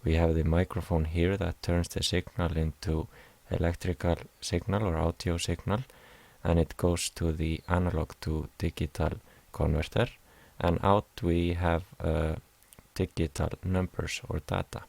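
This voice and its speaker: A man's voice: low-pitched, level tone, a little slow, creaky, darkish tone, dry recording. A young man from Iceland, hesitantly explaining a class assignment over slides, with many fillers. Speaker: music production student.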